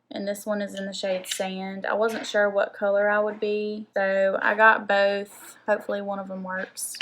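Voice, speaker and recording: A young woman from the American South, a beauty vlogger, chats casually through a makeup haul. Her voice is mid-range with a fairly bright tone, and there's a bit of hiss or hum. She's chatty and rambling, saying "like" constantly.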